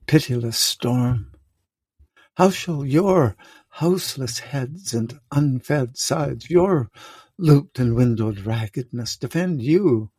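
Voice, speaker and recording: An aging, raging king in a storm, as a man reads him aloud. The lines come slow and weighty, with long pauses between phrases. The voice is close and dry, with no room around it. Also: mid-range voice, mellow, breathy edge, dry recording, exaggerated voice. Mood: brooding. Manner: slow, declaiming verse with heavy pauses. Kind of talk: reading a play aloud.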